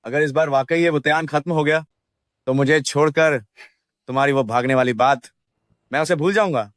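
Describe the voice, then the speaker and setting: A man's voice: a little high, moderate pace, no room sound, studio quality, natural voice. A man voicing a bitter, scornful villain who mocks his enemies. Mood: bitter scheming. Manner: sneering, mocking. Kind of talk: Hindi-dubbed drama.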